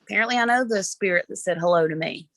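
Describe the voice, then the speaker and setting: A woman's voice: medium pitch, quick pace, gravelly, a bit bright, dry recording. A woman taking part in a live paranormal session, talking in casual conversation. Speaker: participant in a live spirit box session. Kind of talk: casual chat.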